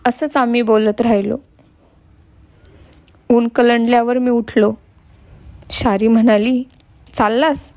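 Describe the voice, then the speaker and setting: A woman narrates a short story in a slow, measured, deliberate way. Her voice sits slightly high, and the recording is close and dry, with no room sound. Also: level tone, a little mellow, no echo. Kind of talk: reading a short story aloud.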